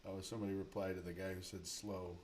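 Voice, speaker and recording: A man with a low voice talks to himself and his viewers in a loose, profane running commentary while he trades. His tone is offhand and muttering. A faint hiss sits under the desk microphone. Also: little pitch movement, fast, a little mellow. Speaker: livestream day trader. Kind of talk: live market commentary.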